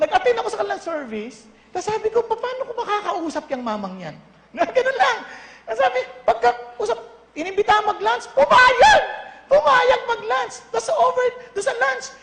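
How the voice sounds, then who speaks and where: A Filipino man with a Filipino accent preaching a sermon, animated and often laughing as he tells stories, switching between Tagalog and English. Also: very high voice, echoey room, in a large hall. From Philippines. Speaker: pastor.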